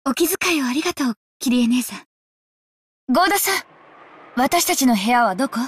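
A harsh, volatile mother with a high, quick and very lively voice. She is sharp and abrupt, with faint music behind her. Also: breathy edge. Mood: polite.

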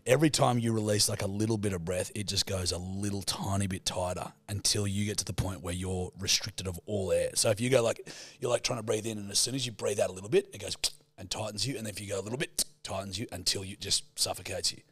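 A young man with an Australian accent in casual podcast banter, teasing, laddish and quick to swear. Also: lowish voice, fairly bright tone, slightly rough, dry recording. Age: young adult. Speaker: podcast co-host. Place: indoor podcast set on couches. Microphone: close boom-arm podcast microphone.

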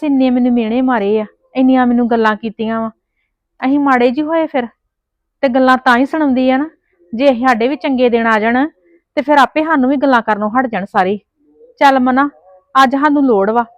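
Here the high-pitched woman is heard on a muffled recording with no room sound. In the Punjabi village drama she plays a poor mother with in-laws to host, humbly appealing to a neighbour and talking quietly to herself.

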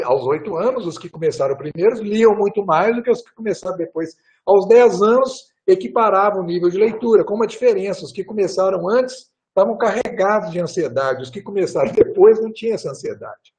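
A guest lecturer, an older man on a video call webcam, answers questions in a relaxed lecture. His high, slightly mellow voice has lively intonation, moving fairly quickly with hardly any pauses, while he rambles, restarts and keeps adding tag questions.

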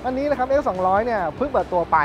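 A man in his thirties presenting bikes at a busy indoor motor show in a lively, chatty way, speaking into a lapel mic. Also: very high voice, racing, dull audio. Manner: lively, chatty, points things out. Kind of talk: casual walkaround presentation. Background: music.

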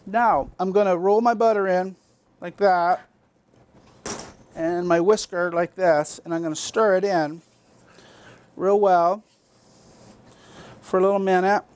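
A middle-aged man with a fairly high voice walks viewers through a recipe in a small basement kitchen. He talks in a chatty, folksy way, straight to the folks at home. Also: steady tone, takes it slowly, pauses often, a little mellow. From Massachusetts, US. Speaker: cooking show host. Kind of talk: homey cooking demonstration. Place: basement kitchen of a town hall.

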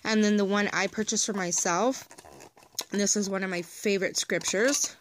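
A woman with a raspy voice, chatting in a rambling, friendly way straight to her viewers in a casual haul video. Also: mid-range voice, fairly even intonation, moderate pace, a little hiss or hum. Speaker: haul vlogger.

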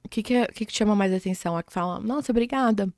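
A young woman speaks, chatty and playful, slipping into the voices of people she quotes. Her sound is dry and close, with a middling pitch. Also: racing, a little mellow, no room sound. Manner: chatty, playful, acts out little quoted dialogues. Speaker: podcast guest. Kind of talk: casual chat.

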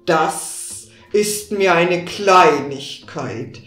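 A woman voicing a haughty male sorcerer in a fairy-tale audiobook, slow and boastful. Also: fairly low pitch, fairly bright tone, pitched below the performer's own voice. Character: proud, haughty male sorcerer who shapeshifts. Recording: roomy with faint music behind.

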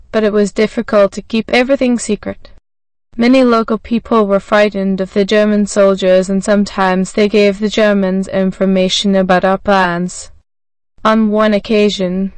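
Smooth, dry-voiced woman narrator. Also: mid-range voice, no echo. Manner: even, measured reading that voices every symbol literally. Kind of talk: scripted narration of a graded reader.

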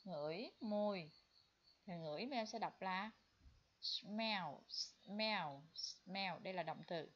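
A woman English teacher giving a bilingual vocabulary lesson, repeating each word slowly for students to copy. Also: fairly low pitch, animated. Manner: slow drilled repetition of words. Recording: dull lo-fi recording.

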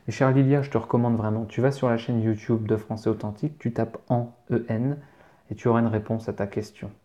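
A man's voice: mid-range voice, fairly even intonation, brisk, warm tone, highs cut off. A man teaching French, reading out viewer questions and answering them casually, spelling words out letter by letter. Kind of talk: casual live Q&A.

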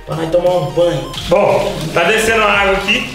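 A man's voice: high-pitched, a little fast, vocal fry. A young man with a Brazilian accent vlogging casually, talking in slang to his viewers and his dog. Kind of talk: casual vlog talk. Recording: voice with loud background music.

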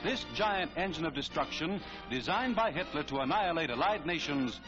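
Old newsreel guy, high voice, big declaiming announcer style, muffled film sound w music under it. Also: lively intonation, moderate pace. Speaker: newsreel narrator. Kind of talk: 1940s newsreel narration. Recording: dull lo-fi archive film audio with music.

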